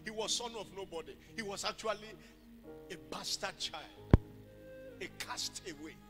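A man preaches fervently into a pulpit microphone, his high voice rising into loud sung cries. His voice rings through a hall with a long reverb. Music plays clearly behind him. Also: normal speed. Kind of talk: sermon.

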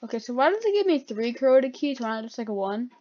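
Her voice fairly high, sing-song, fast and warm, a woman chats through a game playthrough, her words a little altered by dental retainers. Keyboard clicks come through a dull, lo-fi microphone.

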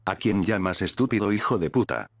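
A man's voice: sits low, expressive, fairly quick, gravelly, faint music behind, voice pushed down. A man voicing a rude, foul-mouthed baby boy who hurls crude insults. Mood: insulting.

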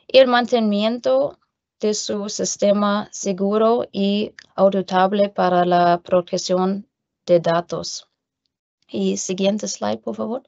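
Woman speaking slow, Spanish. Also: medium pitch, a little mellow, no echo. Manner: halting, careful reading. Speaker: guest presenter, corporate sustainability executive. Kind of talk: prepared business presentation in non-native Spanish. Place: indoor video call. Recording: muffled video-call audio.

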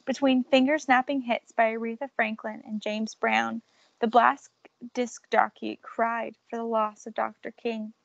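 A woman's voice: a little high, unhurried, vocal fry, no echo, highs cut off. A woman reading a picture book aloud, telling the story expressively and raising or dropping her volume for drama. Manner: expressive, shifts loudness for drama. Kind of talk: read-aloud storybook narration.

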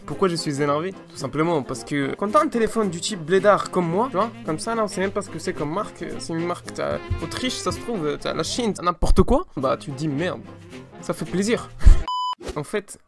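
Mock-angry young man ranting to camera. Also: on the high side. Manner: mock-angry, slangy, bursts of laughter. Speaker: comedy vlogger. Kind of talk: comic rant to camera.

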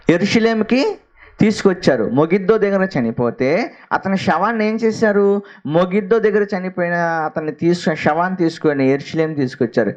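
A male preacher teaching a Bible passage, asking his listeners question after question and answering them himself. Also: on the high side. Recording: dull lo-fi recording.

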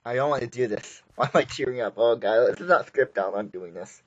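A man's voice: mid-range voice, brisk, breathy edge, no echo, lo-fi sound. A man giving casual gameplay commentary as a video host, rambling and joking, with frequent exclamations. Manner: rambling, jokey, exclaims often. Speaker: gaming YouTuber.

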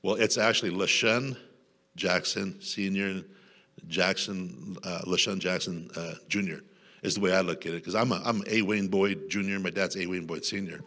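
Guy preaching in church, bright forceful voice, keeps clearing his throat, gets the crowd shouting back. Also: low voice, steady tone, moderate pace. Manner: shouts congregation call-and-response. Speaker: guest pastor. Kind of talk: sermon. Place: church sanctuary.

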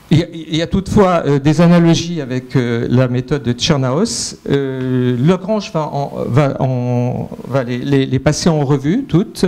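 An older man lectures at an academic conference, pausing often with fillers and restarting his sentences. His voice sits fairly high yet sounds dark and mellow. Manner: hesitant, many fillers and restarts. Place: lecture hall.

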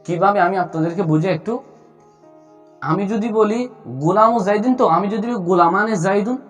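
A man's voice: high voice, brisk, soft background music. A man teaching Arabic grammar in a video lesson, explaining step by step and asking himself questions as he goes.

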